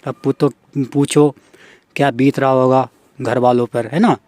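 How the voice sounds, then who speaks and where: A man's voice: medium pitch, steady tone, unhurried, darkish tone, dry recording. A young man reading out a news story and earnestly pleading with his viewers, with many "right?" and "friends" asides. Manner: earnest, pleading, repeats "है ना" and "साथियों". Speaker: exam-prep YouTuber addressing aspirants. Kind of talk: casual talk reading out a news report.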